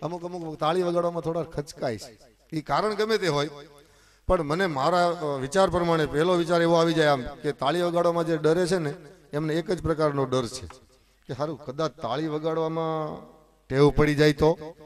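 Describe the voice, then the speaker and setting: High-voiced Kathiawadi storyteller man. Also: steady tone, moderate pace. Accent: Kathiawadi Gujarati. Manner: chatty, teasing, addresses the crowd directly. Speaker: folk storyteller and stage announcer. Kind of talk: live folk storytelling to an audience. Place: live stage program.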